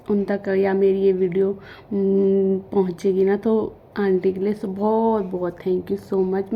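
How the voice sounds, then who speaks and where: A woman's voice: mid-range voice, highs cut off. A young woman telling her childbirth story in casual, rambling talk with many fillers and restarts, a week after giving birth. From Himachal Pradesh. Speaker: vlogger.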